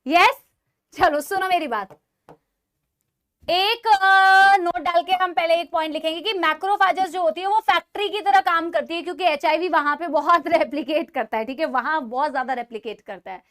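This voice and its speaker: Indian woman teacher, very high voice, chatty, teasing, dictates notes slowly word by word. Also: a bit bright. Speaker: online biology teacher. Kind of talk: live online class.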